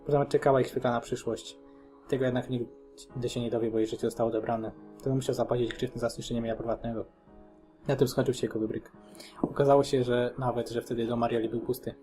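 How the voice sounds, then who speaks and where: A male storyteller reading a dark tale at a quick clip, his voice mellow and low in tone. A faint guitar plays behind him. He keeps an even reading manner. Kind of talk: scripted narration of a horror story.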